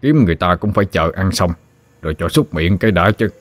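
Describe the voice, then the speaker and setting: A man's voice: low voice, expressive, quick pace. A man voicing a cocky old male exorcist, teasing in casual, mocking banter. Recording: long hall reverb.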